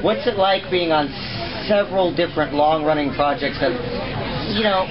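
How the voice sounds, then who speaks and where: A fan at a convention panel haltingly asks the guests a question. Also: medium pitch. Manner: hesitant, searching for words. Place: crowded convention panel room. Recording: muffled camcorder recording amid a crowd.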